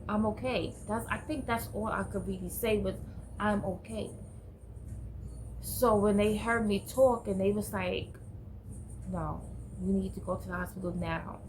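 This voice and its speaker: A middle-aged woman telling a personal story in a vlog, halting and searching for words with many restarts. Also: mid-range voice, fairly even intonation, background noise. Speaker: vlogger.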